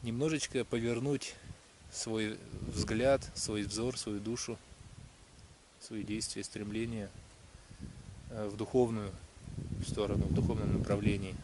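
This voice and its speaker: A man vlogging outdoors in the countryside, musing on faith in a hesitant way, with many pauses and fillers. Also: fairly low pitch, fairly even intonation, noisy background. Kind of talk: casual spiritual musing to camera. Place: outdoors in a rural area.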